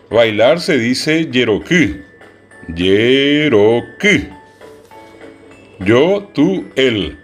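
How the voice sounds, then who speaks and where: Guy teaching kids, talks super slow, voice jumps up and down a lot, faint music behind. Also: mid-range voice. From Paraguay. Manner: slow, deliberate, repeats each word clearly. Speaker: language teacher. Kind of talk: children's language lesson.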